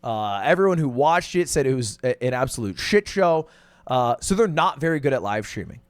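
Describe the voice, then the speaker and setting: A man giving animated opinion commentary in a blunt, exasperated manner, swearing often. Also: medium pitch, brisk, clear, resonant tone, dry recording, clean studio sound. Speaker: online commentator.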